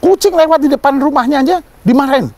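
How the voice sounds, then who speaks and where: A man's voice: extremely high pitch, quick pace, dry recording. A male pastor preaching a sermon, joking with the congregation and acting out little scenes. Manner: animated, joking asides to the congregation, mock voices.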